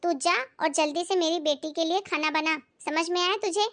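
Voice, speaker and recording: Woman voicing a cruel mother-in-law, scolding, high-pitched, bright. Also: steady tone, moderate pace. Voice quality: scolding, sharp-tongued. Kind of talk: Hindi family drama acting.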